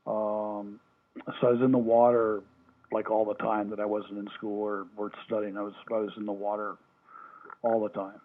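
A man's voice: lowish voice, flat delivery, moderate pace. An older man from Hawaii, a former Olympic swimmer, answering oral history questions over the phone, hesitant with many fillers and restarts. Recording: tinny phone line.

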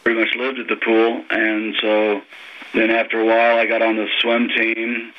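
An older man from Texas, a former diver, recalling his youth in a phone interview, talking unhurriedly with many pauses and ums. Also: on the low side, monotone. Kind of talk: phone oral history interview. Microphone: telephone. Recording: muffled phone line with faint noise.

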